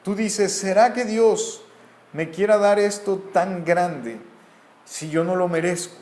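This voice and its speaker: A man's voice: high voice, slow pace, a little mellow, reverberant. A man from Mexico with a Mexican accent, giving an earnest, repetitive Bible teaching. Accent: Mexican Spanish.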